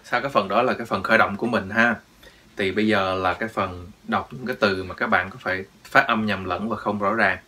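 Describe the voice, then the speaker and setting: A man's voice: on the low side, fairly even intonation, brisk, sharp tone. A man teaching English pronunciation in Vietnamese, repeating each word with emphasis. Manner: drills words, repeats them with emphasis. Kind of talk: pronunciation lesson.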